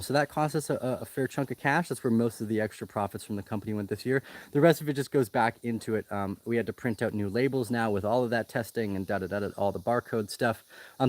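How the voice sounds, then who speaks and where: Thirties male host, casual livestream Q&A, halting delivery with many fillers, mid-pitched, recorded outdoors on a laptop mic. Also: darkish tone, no room sound. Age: 30s. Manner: loose, hesitant, many ums and restarts. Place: outdoors in the jungle.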